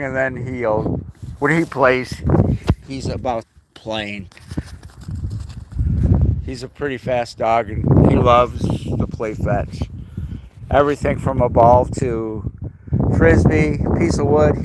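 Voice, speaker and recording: A man's voice: mid-range voice, very noisy. Chatty man livestreaming outdoors with his dogs. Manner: chatty, talks to his dogs in a raised playful voice. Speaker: livestreamer and dog owner. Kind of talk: casual livestream talk. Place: outdoors in snow at a rural home.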